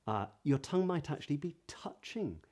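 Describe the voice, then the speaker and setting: A man with a modern standard Southern British accent, teaching pronunciation in a measured, explanatory way with careful articulation. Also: fairly high pitch, sing-song, dark tone. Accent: modern standard Southern British English. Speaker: voice coach giving a pronunciation lesson. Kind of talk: instructional lesson to camera.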